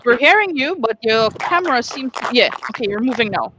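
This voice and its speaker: A woman's voice: fairly high pitch, animated, noisy background. Woman hosting a group video call. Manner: brisk, practical, keeps the call moving. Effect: heard over a group video call. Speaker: panel host. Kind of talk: moderating a panel discussion.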